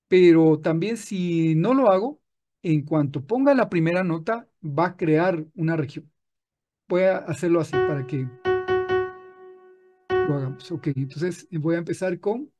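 A man teaching music software in a screen-recorded tutorial, patient and explaining step by step with frequent restarts. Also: a little high.

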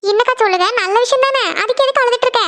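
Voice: very high voice, fairly bright tone. A performer voicing a caring younger sister in a cartoon series, coaxing and reassuring her crying elder sister. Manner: coaxing, reassuring, rapid questions. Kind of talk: Tamil cartoon series dialogue.

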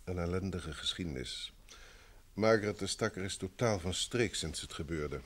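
In an old Dutch radio play, an actor with a deep voice and a slightly bright tone speaks at a moderate pace. He plays a polite, wealthy businessman whose formal, courteous manner carries an earnest, grave, troubled mood.

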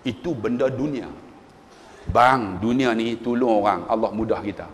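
A man's voice: lowish voice, moderate pace, slight background noise. A male preacher, telling stories in a sermon and acting out the voices in them. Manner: animated, acts out voices in his stories. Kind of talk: storytelling sermon. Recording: long hall reverb.

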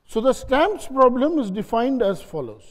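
A man's voice: extremely high pitch, very animated, normal speed. A man giving a classroom lecture, repeating key phrases and quizzing his audience. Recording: long hall reverb.

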